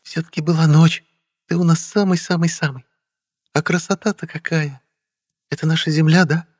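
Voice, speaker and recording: A man voicing an affectionate young wife in an audiobook, eager and hushed, pitched far above his own voice. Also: steady tone, normal speed, lightly acted. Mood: eager, doting.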